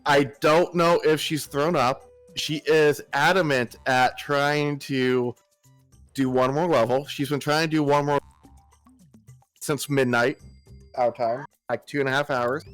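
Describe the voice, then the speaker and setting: A man's voice: a little high, steady tone, measured pace, a bit bright, no room sound, soft background music. A male streamer chatting casually, telling an anecdote and quoting others as he explains. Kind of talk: casual livestream chat.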